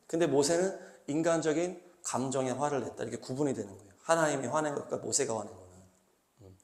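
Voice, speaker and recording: Male pastor giving a sermon, fairly high voice, acts out the angry bits, echoey room. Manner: animated, acts out angry outbursts and questions. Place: small church hall.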